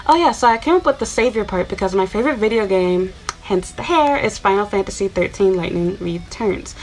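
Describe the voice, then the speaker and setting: A Chicago YouTuber in her twenties chats casually to camera, rambling along with plenty of fillers. Her mid-range voice is animated and fairly quick, and the recording quality is low.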